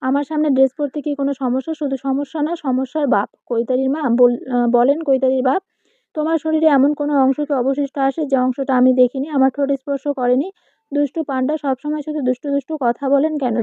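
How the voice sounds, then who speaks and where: A woman's voice: high-pitched, mellow, no room sound. A woman reading a romantic audio story aloud, doing every part herself with small slips. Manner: reads all parts herself, quick with small slips. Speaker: narrator. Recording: tinny phone-like, dry.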